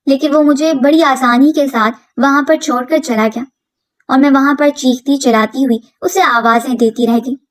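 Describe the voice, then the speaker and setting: A woman telling a dramatic story in the first person, reading a script in an earnest storytelling manner. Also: sits high.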